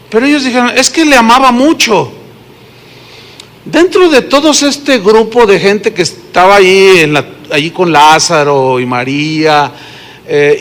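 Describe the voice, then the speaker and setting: A Mexican-accented pastor with a high-pitched, somewhat bright voice preaches a sermon, sharing stories and asking the congregation questions. The sound has a long hall reverb.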